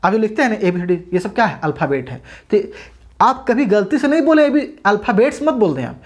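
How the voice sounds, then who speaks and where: She talks fast, her medium-pitched voice very animated, while teaching English grammar to exam students. Asking and answering her own questions, she refers to her viewers as brothers and sisters.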